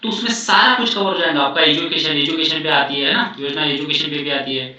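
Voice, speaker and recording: A man's voice: a little high, fairly quick, sharp tone. A male coaching teacher giving study advice in a repetitive, reassuring way, often mixing in English phrases. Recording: echoey room, distant mic, dull sound.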